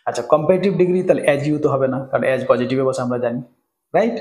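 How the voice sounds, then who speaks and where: A man teaching English grammar for exam preparation, explaining each option step by step, often checking in with "right?", and reading example sentences slowly. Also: medium pitch, darkish tone, reverberant. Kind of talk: exam-prep grammar lesson.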